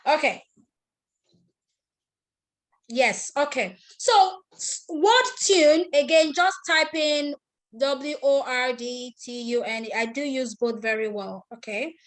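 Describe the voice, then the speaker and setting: A Nigerian woman whose first language is Igbo teaches an online class over a video call, her voice high-pitched and slow. During the live screen-share tutorial she explains things step by step, repeats herself and asks attendees questions.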